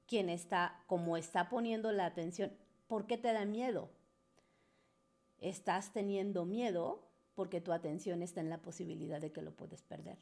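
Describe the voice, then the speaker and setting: A woman's voice: lowish voice, mellow. A woman, a spiritual coach answering questions from a group in an earnest, coaxing, conversational way. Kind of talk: live Q&A talk to a group.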